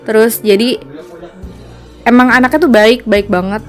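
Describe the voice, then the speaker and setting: A young woman speaks in a relaxed, thoughtful way, with plenty of fillers, as a podcast co-host. Her voice sits a little higher than most women's. Soft music plays faintly underneath. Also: unhurried. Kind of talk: casual chat.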